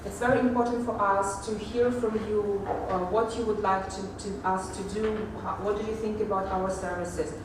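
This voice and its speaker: A woman giving a technical conference presentation, pausing often with fillers and restarts. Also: medium pitch, steady tone, background noise. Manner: hesitant, many fillers and restarts. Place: large echoey conference hall. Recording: echoey hall audio from far off.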